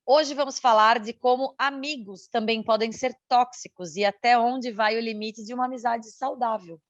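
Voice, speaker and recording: A woman in her thirties from Santa Catarina, co-hosting a podcast with measured reading and teasing banter. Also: on the high side, no room sound, highs cut off. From Santa Catarina, Brazil. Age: 30s. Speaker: podcast co-host. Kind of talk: podcast chat and scripted reading.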